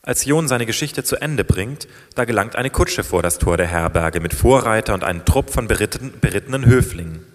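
Man, storyteller, low voice, calm measured reading, long hall reverb. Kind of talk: read-aloud story narration.

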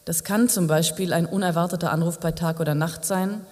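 A man's voice: a little high, fairly even intonation, brisk. Man narrating a novel with wry asides. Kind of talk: audiobook narration. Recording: long hall reverb.

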